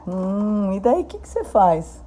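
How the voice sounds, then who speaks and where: A woman gently asking her children questions. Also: mid-range voice, very animated, a little slow, background noise. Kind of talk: casual chat.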